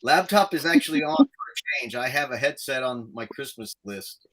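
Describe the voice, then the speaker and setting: A man's voice: medium pitch, expressive, normal speed, a crowd in the background, rough recording. A man hosting a casual live stream, chatting and reading out comments from viewers.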